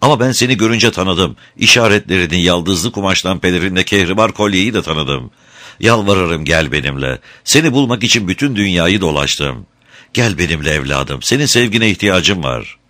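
A man's voice: low-pitched, animated, moderate pace, bright, forceful tone, dry recording. A man voicing a poor, grieving beggar mother in a storybook reading. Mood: mournful. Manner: pleading, mournful.

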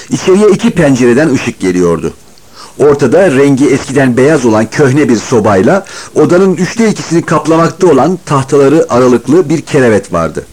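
Male audiobook narrator, husky tone, lively rising and falling delivery, expressive scripted reading. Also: medium pitch. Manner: expressive storytelling, varied intonation.

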